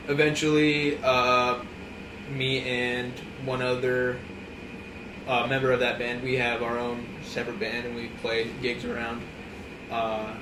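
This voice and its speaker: Young college guy, earnest and halting, far from the mic, echoey with an ac hum. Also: mid-range voice. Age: young adult. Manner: earnest, halting, many "uh" pauses. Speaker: bassist guest, music student. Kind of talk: casual interview answers.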